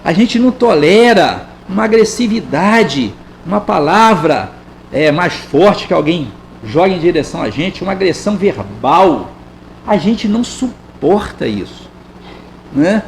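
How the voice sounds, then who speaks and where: A man's voice: sits high, big pitch swings, unhurried, a little hiss or hum, low-quality recording. A man with a Brazilian accent giving a public talk at a spiritist center, conversational and full of rhetorical questions. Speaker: spiritist lecturer.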